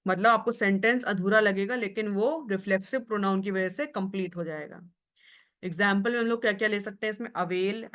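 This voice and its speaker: Woman grammar tutor, Hindi lecture, slow careful English examples, frequent check-ins. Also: mid-range voice. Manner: explains in Hindi, reads English examples slowly; checks in with students often. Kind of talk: online class lecture.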